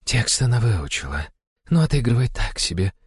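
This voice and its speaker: In an audiobook, a man voices a sly, mocking female naga, pitching his exaggerated voice above his natural mid-range. The delivery is very animated and slightly rough at normal speed, recorded with clean studio sound and no room echo.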